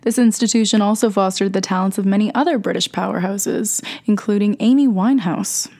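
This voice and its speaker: A woman's voice: medium pitch, fairly quick, darkish tone. A young woman hosting a radio music show with scripted commentary, sounding congested with a sore throat and a stuffy nose.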